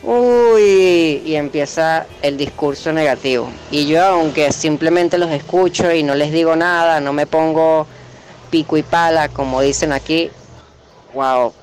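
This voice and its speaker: A man's voice: fairly high pitch, measured pace, a little hiss or hum. A man in his twenties with a Venezuelan accent, a caller leaving an earnest, hesitant voice message for a radio show. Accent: Venezuelan Spanish. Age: 20s. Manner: earnest, hesitant, with fillers and soft laughs.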